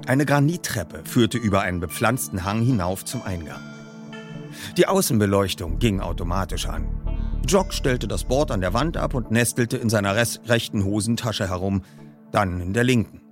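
A man reading an audiobook aloud in scripted narration, a lively storyteller. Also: fairly low pitch, normal speed. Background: background music.

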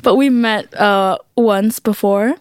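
A woman's voice: mid-range voice, takes it slowly, no echo, studio quality. A woman hosting a music podcast in an informal, playful, chatty interview style. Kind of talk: casual chat interview.

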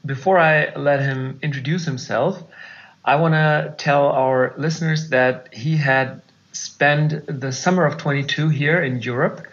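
A man co-hosts a podcast from an online call, so his audio sounds dull and lo-fi. His voice sits a bit high, and he speaks hesitantly, with fillers. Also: measured pace, a bit bright. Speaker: podcast co-host. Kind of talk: casual interview.

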